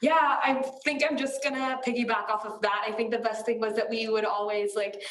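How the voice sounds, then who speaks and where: A woman's voice: fairly high pitch, fairly even intonation, fairly quick. A woman in her twenties, a student, chatting in a bubbly, enthusiastic way. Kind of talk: casual chat. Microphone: video call. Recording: echoey room, faint noise.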